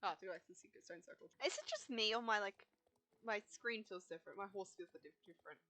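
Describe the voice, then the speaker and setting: A woman's voice: medium pitch, fast talker, sharp tone. A woman giving casual, chatty commentary on her gameplay, sounding puzzled. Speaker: gaming video creator.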